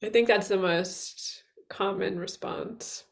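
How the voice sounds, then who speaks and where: A woman's voice: mid-range voice, slow pace, gravelly. A woman from Long Island, a mother, co-hosting a podcast in casual, playful conversation and laughing often. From Long Island, New York. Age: young adult to middle-aged, a mother. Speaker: podcast co-host.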